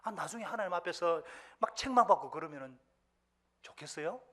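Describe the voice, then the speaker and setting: A man preaching a sermon as pastor, who asks the congregation questions and swings between loud outbursts and hushed whispered asides. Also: fairly high pitch, animated, fairly quick.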